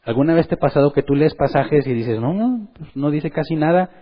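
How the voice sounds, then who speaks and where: A man preaching a sermon in church, lively, and acting out the voices of the people he quotes. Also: a little high, brisk, dull audio. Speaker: pastor.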